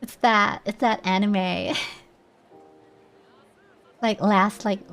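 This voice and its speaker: A woman's voice: mid-range voice, steady tone, very slow, creaky, fairly bright tone, faint music behind. A young woman streaming a game, chatting casually, giggling and reading lines aloud. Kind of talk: casual gameplay commentary.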